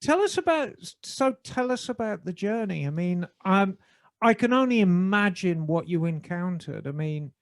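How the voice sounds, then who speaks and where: High-voiced man hosting a podcast. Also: lively intonation, normal speed, no room sound, studio quality. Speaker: podcast host. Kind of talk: casual interview chat.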